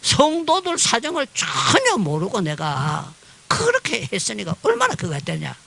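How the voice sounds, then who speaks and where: Older man, pastor giving an animated testimony sermon, bright forceful voice, high-pitched. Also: normal speed, creaky. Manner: animated storytelling, crying out in prayer, acting out dialogue. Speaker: pastor and missionary.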